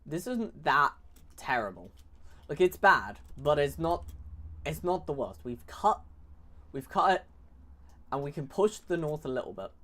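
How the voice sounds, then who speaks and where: A man's voice: on the high side, very animated, a little slow, long pauses, fairly bright tone. A man giving casual, rambling commentary on a strategy game he is playing, often restarting phrases and mocking his opponents sarcastically. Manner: rambling, sarcastic, self-correcting. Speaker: gaming YouTuber.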